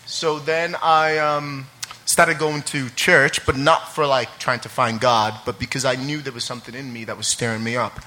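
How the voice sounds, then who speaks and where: A man's voice: medium pitch, little pitch movement, normal speed, bright, forceful tone. A young man from Ireland, sharing his testimony at a church service in a chatty way full of fillers and laughter, then reading scripture.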